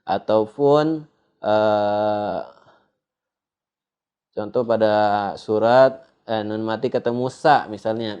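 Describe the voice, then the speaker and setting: A man from Indonesia teaching a tajwid lesson in a studio, unhurried and pausing on fillers as he explains. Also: on the low side, warm tone, clean tone. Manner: unhurried, hesitant with "eh" fillers, sings out drawn-out recited examples. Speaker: Quran recitation teacher. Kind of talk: slow tajwid lesson with recited examples.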